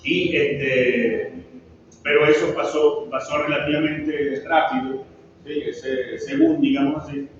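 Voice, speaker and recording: A man's voice: fairly high pitch, steady tone, takes it slowly, distant mic, slight background noise. A male pharmacology lecturer with a Venezuelan Spanish accent, giving a classroom lecture and often checking in with the students. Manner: asks the class questions, frequent "¿sí?" checks. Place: large classroom. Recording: echoey, muffled classroom from afar.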